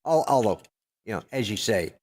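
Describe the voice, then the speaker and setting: An older man co-hosting a podcast, chatting casually in a gruff, rambling way with lots of fillers and restarts. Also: fairly low pitch, animated, normal speed, a little mellow. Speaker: podcast co-host. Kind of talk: casual chat.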